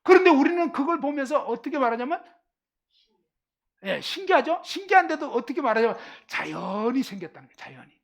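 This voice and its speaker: Woman, middle-aged, rural Korean upbringing, classroom lecture, rhetorical questions, checks understanding, slightly high voice. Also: big pitch swings, brisk. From Korean countryside. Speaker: Bible class teacher. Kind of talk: lively lecture to a live class.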